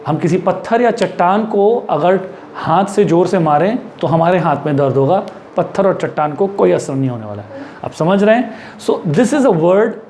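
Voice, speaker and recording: A man with an Indian accent gives a spoken vocabulary lesson, teaching English words in a mix of Hindi and English while repeating words and quizzing the viewer. His voice is high with a darkish tone, over slight background noise.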